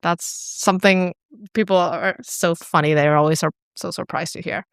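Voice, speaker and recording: A woman's voice: lowish voice, moderate pace, vocal fry, smooth, dry recording, clean studio sound. A young woman from Chile, a clinic client care specialist, chatting casually in an interview with lots of fillers. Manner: relaxed, chatty, many fillers like "like" and "you know".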